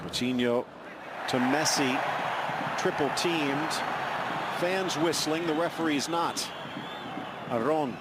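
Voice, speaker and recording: Guy doing live soccer play-by-play, a bit high voiced, really loud stadium behind him. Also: takes it slowly, pauses often, heavy background noise. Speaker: play-by-play football commentator. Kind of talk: live sports commentary. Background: football stadium crowd.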